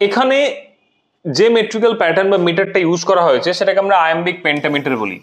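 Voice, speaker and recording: A man's voice: sits high, lively intonation, fast. Patient male literature teacher. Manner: patient, explains step by step, addresses students directly. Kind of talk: recorded literature lecture for students.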